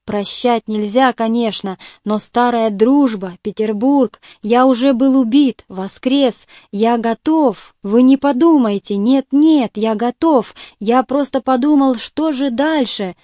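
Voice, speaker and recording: A rambling, remorseful army captain who drinks too much, read by a woman. The voice sits fairly high yet sounds warm and close, with no room around it. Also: slow pace, hardly any pauses, no room sound. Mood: pleading. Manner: pleading, rambling.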